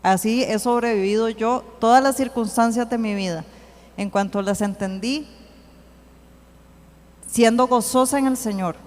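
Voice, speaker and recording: A woman giving an earnest church teaching, slowing to read scripture aloud. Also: on the high side, a little mellow. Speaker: church speaker. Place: church hall. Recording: long hall reverb.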